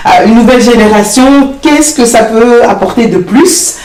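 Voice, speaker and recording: Woman host, enthusiastic, higher voice, echoey noisy studio. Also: moderate pace, distant mic. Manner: enthusiastic, encouraging. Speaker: talk show host. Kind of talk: studio talk show hosting.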